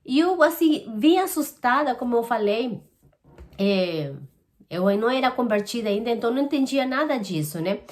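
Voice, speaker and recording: Woman, slightly high voice, earnest and halting personal testimony. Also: lively intonation, a little mellow. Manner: earnest, halting retelling with many restarts. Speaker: testimony giver.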